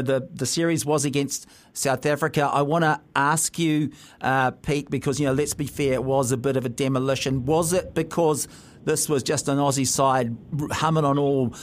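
A New Zealand man hosting a sports show, chatting casually and informally with a guest as with a mate. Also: mid-range voice. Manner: matey, informal. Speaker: radio sports show host. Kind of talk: casual interview chat.

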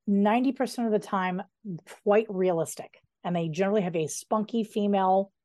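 A middle-aged woman novelist, a guest in a casual interview, talking in an animated, digressive way with quick asides. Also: medium pitch, dry recording, clean studio sound.

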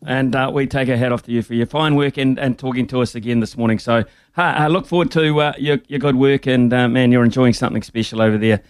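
A man with a New Zealand accent hosting a casual live radio interview, halting and repeating himself as he mulls over his words. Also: mid-range voice, steady tone, clear, resonant tone, dry recording. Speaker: sports radio host.

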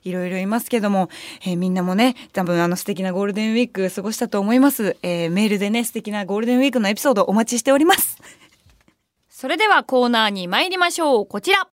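Fast-talking young woman radio host. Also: medium pitch, no echo, clean studio sound. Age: young adult. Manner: animated storytelling, laughs often, mock retorts. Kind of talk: casual chat. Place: radio studio. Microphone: studio microphone.

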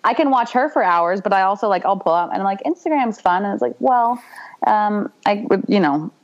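A woman's voice: mid-range voice, expressive, brisk, dull audio. A woman around thirty co-hosting a podcast, chatting in a rambling, storytelling way. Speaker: podcast co-host. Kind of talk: casual chat.

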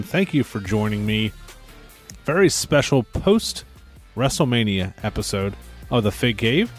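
A man hosting a podcast, chatty and upbeat, with many filler words, speaking from a podcast studio. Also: lowish voice. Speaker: podcast host.

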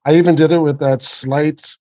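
A man hosting an interview, asking relaxed, conversational questions. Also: fairly high pitch, normal speed, no echo. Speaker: interviewer, host. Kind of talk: casual chat, interview.

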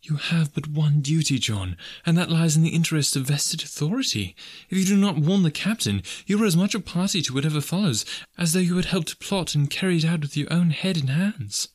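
A man's voice: fairly high pitch, lively intonation, brisk, no echo, clean studio sound, voice pushed up. Casting: male reader voicing a principled young English wife, raised voice, earnest and firm.

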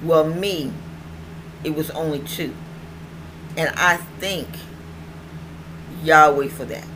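In a clearly noisy home recording, a middle-aged woman chats on her own online show in a low, slow voice with fairly even intonation. She is toothless and her speech is slightly slurred. Her casual vlog talk rambles, and she repeats phrases for emphasis.

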